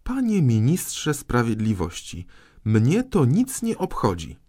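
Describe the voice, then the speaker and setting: An indignant young boy king blurts out high, raised lines in a storybook reading, as a man puts him on. He is stubborn and impatient, snapping at his ministers and stretching his words across a wide, jumpy melody. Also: wildly swooping pitch, slow, exaggerated voice. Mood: exasperated. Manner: shouting impatient outbursts.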